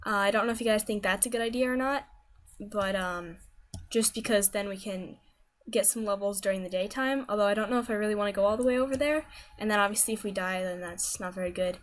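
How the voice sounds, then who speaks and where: A woman's voice: medium pitch, fast. A woman giving casual, rambling commentary as she plays a game, often correcting herself mid-sentence. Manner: chatty, rambling, self-correcting. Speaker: gaming video host.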